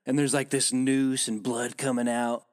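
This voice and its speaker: Casting: young guy, mid-pitched, dry close recording, rambling jokey podcast banter. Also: little pitch movement, moderate pace, no echo. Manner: rambling, joking, swearing. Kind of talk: casual chat.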